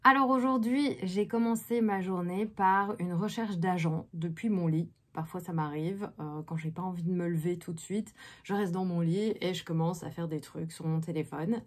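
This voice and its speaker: A woman's voice: lowish voice, darkish tone. A woman in her thirties from Belgium, an actress chatting casually about her day in a vlog, with many fillers. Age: 30s. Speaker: actress vlogger.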